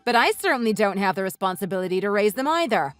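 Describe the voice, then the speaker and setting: Reading a text-message story aloud, a woman voices a furious wife tearing into her in-laws, sounding sarcastic, cutting, and mocking. Her natural, mid-range voice is animated and fast. The recording is dry, with soft music underneath.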